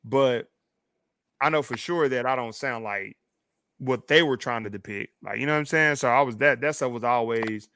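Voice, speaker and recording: A man's voice: mid-range voice, moderate pace, smooth, dry recording. A man with a light Texan accent talks easily and at length. He hosts a casual show and keeps wandering off into side stories. His voice is close and dry, with no room around it. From Texas, Fort Worth. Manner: relaxed, rambling, reads viewer comments aloud. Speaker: podcast host. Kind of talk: casual chat.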